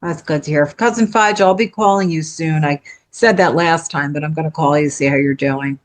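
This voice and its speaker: A woman's voice: low voice, fairly quick. A woman in her sixties co-hosting a podcast in casual chat, reading out listener questions and laughing easily. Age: 60s. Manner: reads listener questions, chatty, easy laughs. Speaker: podcast co-host.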